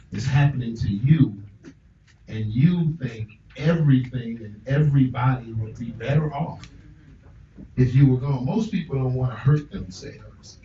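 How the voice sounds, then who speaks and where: Earnest man recalling hard times, distant and roomy. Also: mid-range voice. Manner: earnest and reflective, drops to a quiet tone. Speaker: author and minister, interview guest. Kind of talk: candid interview storytelling. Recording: roomy, distant, dull lo-fi with faint noise.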